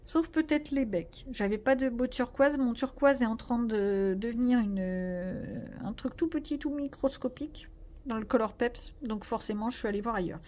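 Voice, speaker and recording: A woman's voice: a little high, moderate pace, darkish tone. A woman vlogging casually about her coloring pages, rambling and joking at herself with lots of fillers. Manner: chatty, rambling, self-mocking, many fillers. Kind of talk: casual chat.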